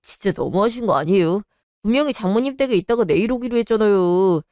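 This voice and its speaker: A woman's voice: mid-range voice, expressive, fast talker, a little mellow, dry recording, clean studio sound, lightly acted. A woman voicing an exasperated young husband in a radio drama, frustrated and pleading. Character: young married man, exasperated husband defending his wife.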